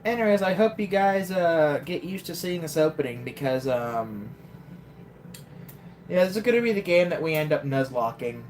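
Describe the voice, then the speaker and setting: A man's voice: on the high side, animated, normal speed, darkish tone, slight background noise. A man commentating his own gameplay on a live stream, joking and talking directly to his chat. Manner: chatty, joking, talks to chat. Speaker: game streamer.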